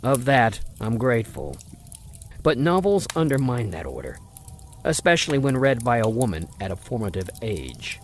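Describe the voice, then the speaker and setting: Here a voice actor, very animated and medium-pitched, plays the stern wealthy older father Mister Spencer, condescendingly refusing a suitor in an old-time radio drama. The pace is moderate, and slight background noise can be heard.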